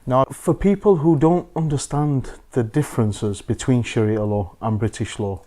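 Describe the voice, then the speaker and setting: A man's voice: medium pitch, moderate pace. A man hosting an interview, asking polite questions with some hesitation and fillers, and also presenting to camera. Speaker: imam and interviewer. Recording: soft guitar music behind.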